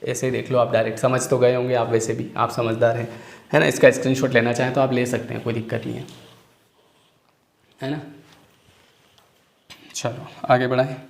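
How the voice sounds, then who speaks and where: A man's voice: medium pitch, level tone, moderate pace, vocal fry, pauses often. Chatty joking male teacher, echoey room. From Chhattisgarh, India. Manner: chatty, joking, asks students rhetorical questions. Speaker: English teacher. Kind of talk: exam-prep lecture.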